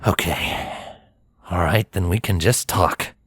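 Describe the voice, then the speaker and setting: A man's voice: medium pitch, sing-song, unhurried, creaky, husky, no room sound, studio quality, heavily acted. A man reading a storybook, voicing a protective young stallion who talks in a growling, defiant way. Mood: low.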